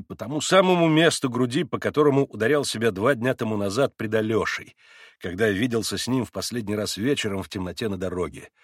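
A man reads a classic novel aloud in a measured, expressive way, with a mid-range voice. The recording is dry and close, on a studio mic with no room sound. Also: mid-range voice, no echo. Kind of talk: audiobook narration of a classic novel.

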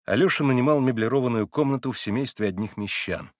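A male narrator reading a classic novel in measured, scripted storytelling. His voice is medium in pitch and sounds dry and close to the mic. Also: no echo. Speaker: audiobook narrator.

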